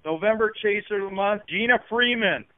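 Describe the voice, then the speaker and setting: A man's voice: high-pitched, brisk. A man co-hosting a podcast in casual chat, easygoing and rambling with plenty of fillers. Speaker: podcast co-host. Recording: tinny phone-line sound, dry.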